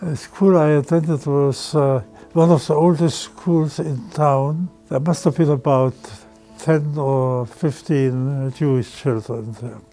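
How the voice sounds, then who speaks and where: A man's voice: fairly high pitch, steady tone, takes it slowly, mellow, faint music behind, poor audio. A man in his nineties from Germany, recounting his childhood plainly and matter-of-factly in an oral history interview. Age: 90s. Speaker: Holocaust survivor interviewee.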